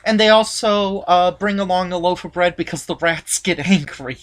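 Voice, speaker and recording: A woman hosting a casual episode review chat, recapping the plot in halting sentences with many restarts. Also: fairly low pitch. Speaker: podcast host.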